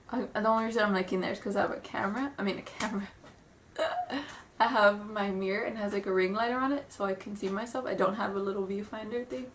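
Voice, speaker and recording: In a casual vlog recorded on distant, roomy home camera audio, a young woman with a stuffy, cold-ridden voice of medium pitch chats nervously in a room at home. She rambles, apologizes, and giggles, with background noise underneath.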